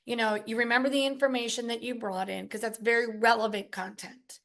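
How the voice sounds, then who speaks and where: Upbeat higher-voiced woman co-host. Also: flat delivery, fairly quick, creaky, a bit bright. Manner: upbeat, explanatory, acts out customer quotes. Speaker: podcast co-host. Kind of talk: casual podcast chat.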